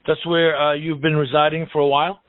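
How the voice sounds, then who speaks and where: A man's voice: fairly high pitch, level tone, a little fast. A man hosting a radio interview who asks plain, easygoing questions with frequent "uh" fillers. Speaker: radio show host. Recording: tinny phone-like line with faint hiss.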